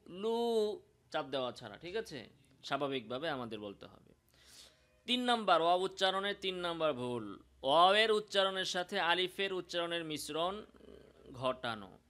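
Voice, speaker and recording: A man with a Bangladeshi Bengali accent teaching Quran pronunciation, explaining slowly and demonstrating sounds in drawn-out chanted examples. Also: a little high, sing-song, bright, forceful tone. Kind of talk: recitation lesson.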